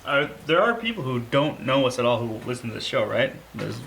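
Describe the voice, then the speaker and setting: A man's voice: medium pitch, very animated, gravelly, fairly bright tone, rough recording. Guy hosting a podcast, mid voice, lots of uhs and ums, faint hiss. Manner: halting, filler-heavy, thinking aloud. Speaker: podcast host. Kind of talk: casual chat.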